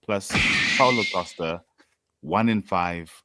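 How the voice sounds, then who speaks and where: A man co-hosting a live podcast, laid-back and cracking deadpan jokes. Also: sits low, slow, background noise. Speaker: podcast co-host. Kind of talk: casual banter on a live podcast.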